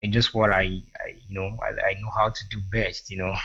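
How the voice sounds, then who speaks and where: A man's voice: fairly low pitch, flat delivery, a little fast, bright, forceful tone, muffled recording. A man from Nigeria, a singer guesting on a radio interview, talking hesitantly with many "you know" fillers and restarts. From Edo State, Nigeria.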